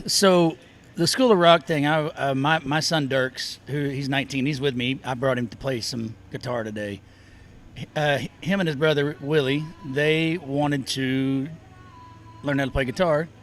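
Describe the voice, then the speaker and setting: Chatting casually with slight noise in the background, a middle-aged musician from Oklahoma and Texas rambles through stories at an outdoor festival interview. His voice is medium-pitched and moderately paced, and he keeps interrupting himself and starting over.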